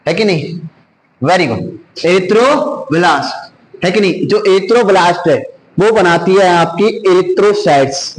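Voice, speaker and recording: A man's voice: high-pitched, a little hiss or hum, rough recording. A male science teacher running call-and-response drills in a classroom, asking the same questions over and over until the class answers. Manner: drills terms with repeated questions.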